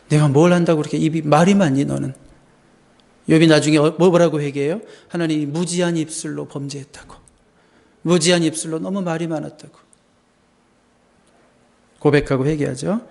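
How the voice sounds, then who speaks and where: A man's voice: fairly high pitch, vocal fry, darkish tone. A man preaching a sermon as a pastor, talking in a conversational way and putting questions to the congregation.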